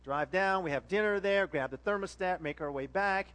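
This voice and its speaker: A man's voice: high-pitched, normal speed, fairly bright tone. A male pastor giving a conversational sermon, telling stories animatedly and speaking directly to his congregation.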